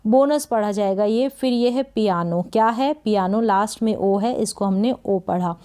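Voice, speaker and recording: A woman from India teaching English pronunciation in Hindi, spelling words out letter by letter and repeating them slowly with question prompts. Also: mid-range voice, dark tone, clean tone. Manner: slow, drilling repetition with "what is it?" prompts.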